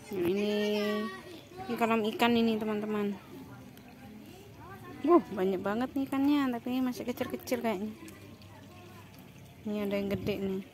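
A woman with an Indonesian accent narrating a casual family vlog outdoors at a holiday villa. She talks softly and without hurry into a handheld camera, with drawn-out hums between her remarks. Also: fairly high pitch. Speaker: family vlogger filming for her channel. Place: outdoors at a holiday villa by a pool and fish pond. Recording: busy family chatter behind her. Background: family and children chattering nearby.

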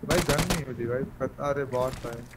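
A man's voice: mid-range voice, normal speed, very noisy. A young man live-streaming a mobile shooter game, greeting viewers by name and chatting with teammates. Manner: greets chat viewers by name, asks for likes. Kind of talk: casual live-stream chat.

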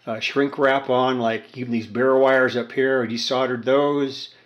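At a cluttered workbench at home, an older radio repair vlogger explains his work in a rambling, hesitant way packed with fillers. His voice is medium in pitch with little movement, and he keeps a measured pace. The audio is dull, carrying the echo of a roomy home workshop.

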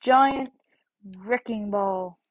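A woman's voice: medium pitch, extremely slow, muffled recording. A woman giving casual, goofy gameplay commentary, talking to herself as she plays. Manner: playful, goofy, talks to herself. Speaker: gameplay streamer.

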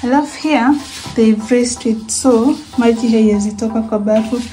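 A woman's voice: a little high, normal speed, warm tone, rough recording. A young Kenyan woman giving a chatty house tour, filmed on a handheld phone in her small apartment. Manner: chatty, mixes in Swahili phrases. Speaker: vlogger. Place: small apartment bathroom and bedsitter, indoors. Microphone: phone camera held in hand.

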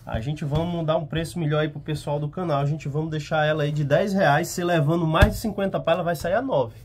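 Man pitching sales at a market stall. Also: steady tone, brisk, slight background noise. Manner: explains prices and discounts in detail. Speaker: clothing vendor.

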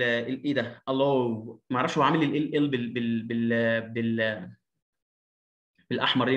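A man's voice: mid-range voice, roomy sound, lo-fi sound. A man with an Egyptian Arabic accent teaching phonetics to other teachers, repeating sample sounds and words and checking that listeners follow. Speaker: English teacher training teachers. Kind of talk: phonetics lesson.

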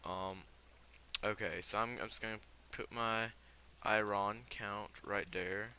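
A man's voice: lowish voice, steady tone, slow, sharp tone, a little hiss or hum. A teenage boy with a fever giving casual, rambling commentary on his game, full of fillers and startled reactions. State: sick with fever. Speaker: gamer.

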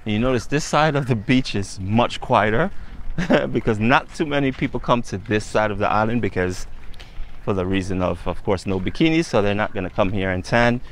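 A man vlogging outdoors as he walks, pointing out sights in a relaxed, conversational way. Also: fairly low pitch, normal speed, slight background noise. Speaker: travel vlogger. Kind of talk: casual walking tour narration. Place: outdoors on a hot island street.

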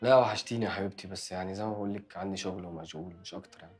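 An actor with an Egyptian accent playing an evasive young man who makes smooth excuses to his girlfriend. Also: low voice, lightly acted. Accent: Egyptian Arabic. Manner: smooth, fast excuse-making. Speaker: actor in a TV drama series. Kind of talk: TV drama acting.

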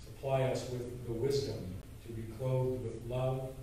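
A man leading liturgical prayer in a solemn, measured cadence, with a cathedral echo. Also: mid-range voice, flat delivery, mellow. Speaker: pastor leading worship. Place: church sanctuary. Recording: echoey sanctuary from far off, with noise.

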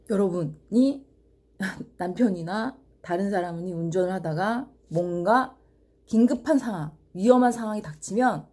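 A woman vlogger talking casually to her viewers, blunt and animated, swearing freely. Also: mid-range voice.

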